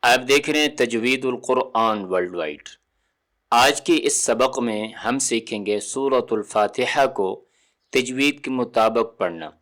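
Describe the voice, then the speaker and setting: A man's voice: mid-range voice, a bit bright. Patient man teaching recitation step by step. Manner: patient, repeats sounds slowly and checks with "theek hai?". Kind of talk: step-by-step tajweed lesson.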